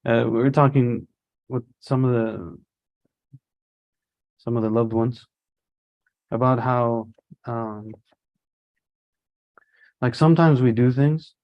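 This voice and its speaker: A man's voice: mid-range voice, steady tone, slow, pauses often, lo-fi sound. A man teaching a casual religious study-circle lesson, talking in a conversational way with everyday examples and Arabic religious terms mixed in.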